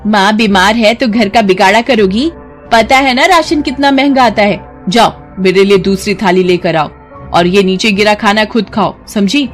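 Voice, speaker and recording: A woman voicing a spoiled young sister-in-law in a cartoon, shrill and scolding. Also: animated, normal speed, faint music behind, close to an everyday voice. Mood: scornful.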